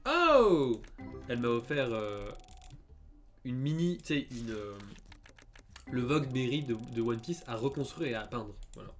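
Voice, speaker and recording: A man's voice: medium pitch, moderate pace, faint music behind. A young man streaming a game, telling a story casually with many fillers and stammers. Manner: animated, stammering, heavy fillers. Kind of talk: casual storytelling over gameplay.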